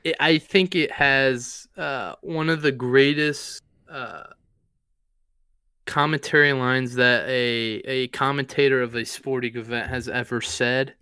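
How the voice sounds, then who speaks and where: A man co-hosting a podcast, chatting casually about his favorite movies in a relaxed, rambling way. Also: mid-range voice, slow, clean tone, dry recording, clean studio sound. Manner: relaxed, rambling, with fillers and swearing. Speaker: podcast co-host.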